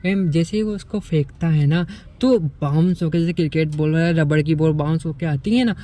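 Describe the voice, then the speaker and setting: Chatty high-voiced man retelling a comic. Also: normal speed, mellow. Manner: chatty, keeps saying "bhai". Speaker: manga explainer. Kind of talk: casual storytelling recap.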